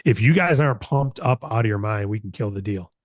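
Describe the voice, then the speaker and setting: Brisk and expressive, this fairly low-pitched voice comes through clean studio sound without echo. The speaker, an American company founder in his late fifties hosting a broker announcement meeting, delivers an informal motivational business talk in an earnest, conversational way, repeating phrases for emphasis.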